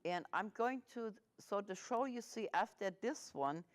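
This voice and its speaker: A woman's voice: medium pitch, animated, a little slow. A middle-aged woman hosting an interview, talking hesitantly with many fillers and restarts. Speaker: host. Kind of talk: casual interview.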